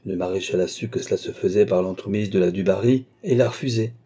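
A shrewd, discreet secretary, as a male reader voices him, measured and confiding. The voice is low and dark, with a slightly husky grain.

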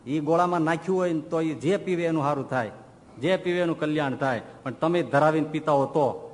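A man tells a sermon in a folksy, animated way. His voice sits fairly high and carries a long hall reverb. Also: fairly quick. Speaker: monk preacher. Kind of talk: sermon storytelling.

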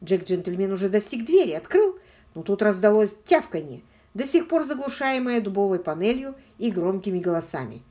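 A woman's voice: medium pitch, sing-song, normal speed, dark tone. A woman narrating a novel as an audiobook, with dramatic, varied intonation.

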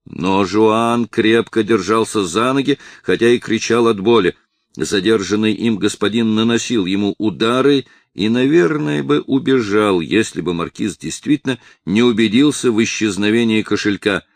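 A man narrating a novel with expressive storytelling. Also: on the low side, normal speed, no room sound, clean studio sound. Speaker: audiobook narrator. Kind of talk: scripted narration.

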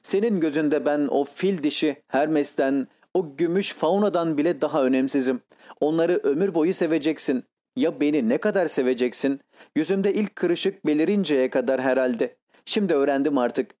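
A man's voice: fairly high pitch, normal speed, dark tone, close to an everyday voice. A man voicing an anguished vain youth. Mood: bitter. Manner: impassioned, pleading.

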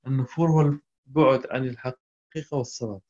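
A man's voice: medium pitch, fairly even intonation, darkish tone. Man teaching verses in a dull lo-fi recording. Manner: recites verses then asks students word meanings; halting, non-native English with restarts. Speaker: Quran tafsir teacher. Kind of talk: teaching a class, mixing English and Arabic.

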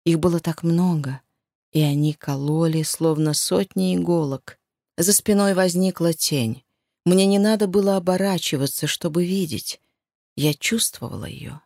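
A woman narrating a first-person novel as an audiobook in a steady, emotive storytelling manner. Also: on the low side, moderate pace, dry recording, clean studio sound.

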